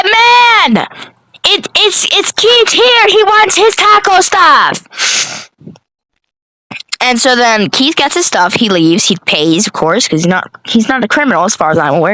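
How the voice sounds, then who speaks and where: A woman telling a rambling comedic story full of swearing, self-corrections and deadpan asides. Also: on the high side, no echo, low-quality recording.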